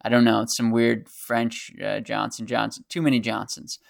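American male podcast host, gravelly, fired-up profane commentary. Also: medium pitch, flat delivery, normal speed. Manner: passionate, ranting and profane. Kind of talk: opinionated solo commentary.

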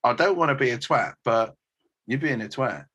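Male co-host, mid pitch, bright tone, casual and sweary. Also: moderate pace, husky. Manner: sweary, laughing, chatty. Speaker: podcast co-host, tour manager. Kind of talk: casual chat.

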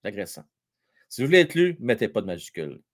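A man with a Québécois French accent hosting a hockey livestream, chatting and joking with his viewers in an excitable way. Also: lowish voice, quick pace. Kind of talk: casual live chat with viewers.

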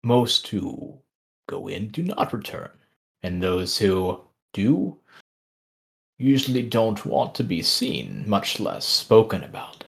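An ancient tree speaks slowly in a deep, breathy voice, as a man puts it on. It is solemn and unhurried, from a tabletop game. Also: expressive, heavily acted.

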